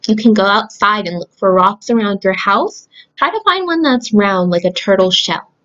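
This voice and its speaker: A young adult woman speaking to children in simple, deliberate phrases, as a storyteller and craft host. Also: medium pitch, lively intonation, a bit bright, dull audio. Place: small room at home, indoors.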